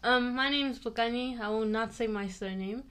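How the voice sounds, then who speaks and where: A woman's voice: fairly high pitch, normal speed, fairly bright tone. A woman in her twenties co-hosting a podcast, chatting casually and teasing with frequent laughs. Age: 20s. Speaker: podcast co-host. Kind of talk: casual chat.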